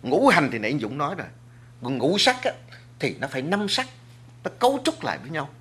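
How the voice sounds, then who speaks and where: A man's voice: on the high side, sing-song, brisk, a bit bright, breathy edge. A man speaking as a guest on a talk show, lecturing earnestly to the audience about food and culture, with frequent restarts and filler words. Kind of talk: studio talk show discussion.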